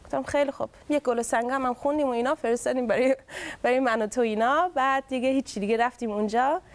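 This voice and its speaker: A woman's voice: high-pitched, steady tone. A young woman from Germany with a Mashhadi Persian accent tinged by German, chatting cheerfully as a guest singer on a talk show. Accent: Mashhadi Persian with German influence. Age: young adult. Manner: giggly, cheerful, easygoing. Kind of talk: casual interview chat.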